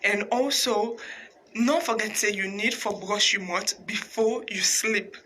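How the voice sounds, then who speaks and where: A woman's voice: medium pitch, unhurried, a bit bright, slight background noise. A woman radio host with a Sierra Leonean Krio accent, presenting conversationally in Creole mixed with English. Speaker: radio talk show host.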